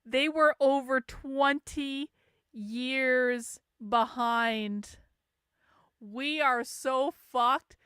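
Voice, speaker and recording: A middle-aged woman with a Vermont accent tinged by Boston hosts a live stream, reacting bluntly to a documentary in casual commentary. Her voice sits high and moves extremely slowly, pushed and bright with a clean tone. She swears and sounds incredulous, and the studio recording is clean with no echo.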